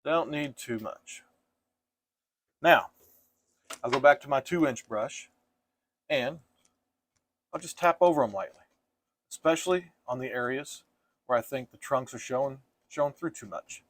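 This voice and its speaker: A man teaching painting step by step in a casual, gentle and reassuring way, like an easygoing instructor. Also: mid-range voice, normal speed, long pauses, dry recording.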